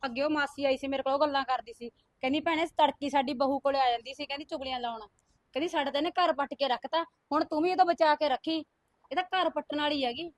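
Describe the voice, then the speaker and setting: A woman's voice: high-pitched, quick pace, no echo, close to an everyday voice. An actress playing a domineering, scolding woman who accuses a widow and orders her out. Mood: accusing. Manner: accusing, commanding. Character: harsh scolding sister-in-law, domineering. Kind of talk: village short-film drama.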